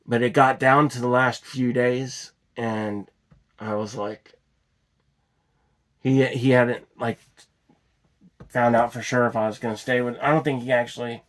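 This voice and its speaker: A man's voice: mid-range voice, steady tone, unhurried, long pauses. A man telling a long personal story off the cuff, rambling, restarting and swearing as he goes. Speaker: vlogger telling his story.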